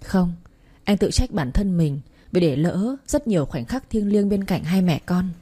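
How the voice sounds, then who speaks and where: A woman voicing a gentle young man who soothes his partner in a soft, slow, coaxing way, in a storybook reading. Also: on the low side, lively intonation, breathy edge. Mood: pleading.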